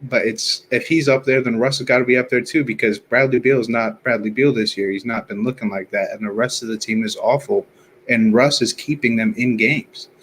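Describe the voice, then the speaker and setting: A man's voice: mid-range voice, steady tone, a little fast, fairly bright tone, slight background noise. A young man co-hosting a sports podcast, arguing his points heatedly in casual slang and laughing often. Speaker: podcast co-host.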